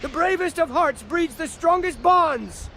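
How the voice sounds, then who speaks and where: Very high-pitched, grandiose eccentric mystic. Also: male voice, expressive, unhurried, bright, forceful tone, a little hiss or hum, exaggerated voice. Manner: theatrical, grandly declaiming. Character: whimsical, grandiose eccentric mystic who reveres spirits and prophecy. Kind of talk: scripted fantasy comedy dialogue.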